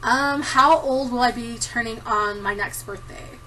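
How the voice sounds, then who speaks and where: A woman in her thirties answers a tag as a vlogger, chatting casually to camera from a home room at a desktop computer, giggling often and rambling with lots of ums. Her voice is a little high, sharp and unhurried. It's captured from a distance on the computer's camera mic, so the audio is poor, with slight background noise.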